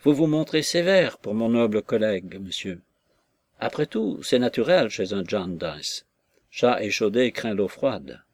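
A man's voice: lowish voice, lively intonation, a little slow, no echo. A man reading aloud and voicing a sly, cunning old junk dealer who cackles knowingly. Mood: wry.

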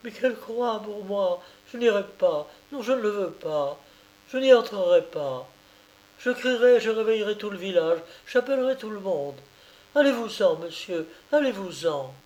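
A man's voice: sits high, a little slow, darkish tone, voice pushed up. A man reading aloud as a poor peasant mother, tearful, pleading and indignant. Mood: frantic refusal. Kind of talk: audiobook character reading.

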